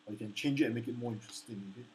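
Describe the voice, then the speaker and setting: Talking very fast over loud music, a low-baritone ukulele teacher leads a casual lesson with sung demonstrations while a ukulele plays. He's earnest and apologetic, stumbling into restarts and repeatedly checking in with "okay?"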